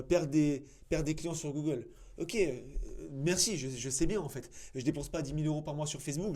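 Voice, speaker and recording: Male host, fairly high, dark-toned voice, blunt and sarcastic, lots of fillers. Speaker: agency founder critiquing a cold email. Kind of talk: casual commentary to camera.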